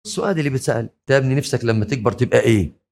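A man's voice: medium pitch, rapid-fire, a little mellow. A man preaching a sermon in an impassioned manner, climbing to raised, fervent calls.

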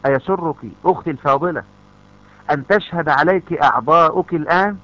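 A man's voice: fairly high pitch, fast talker, fairly bright tone. A male preacher, delivering a fervent sermon full of repeated rhetorical questions. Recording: dull lo-fi recording.

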